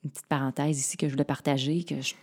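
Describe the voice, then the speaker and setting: A woman's voice: sits low, level tone, very fast, a little mellow, breathy edge. A woman with a Québécois French accent, a mother and co-host, sharing personal family anecdotes in casual chat, with frequent fillers.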